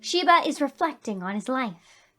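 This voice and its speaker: This gaming video host has a high, slightly bright voice with lively intonation and a normal pace. Voicing over gameplay with game music behind, she gives an expressive read of the story narration and reacts with emotive commentary.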